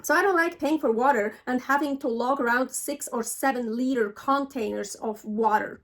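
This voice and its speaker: A woman's voice: high-pitched, normal speed. A middle-aged woman from Switzerland talking casually to the camera in a travel vlog, chatty and frank, swearing freely. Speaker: travel vlogger.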